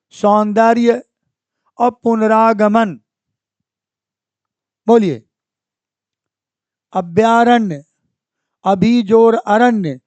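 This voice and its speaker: A man with a fairly high voice teaches spelling for exam practice and says each word over and over as he corrects it. He talks at an unhurried pace and clears his throat now and then. The recording is dry and close. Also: a little mellow, no room sound. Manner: slow and repetitive, saying each word several times and correcting it. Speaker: Hindi grammar teacher. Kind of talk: exam-prep lesson, working through spelling questions.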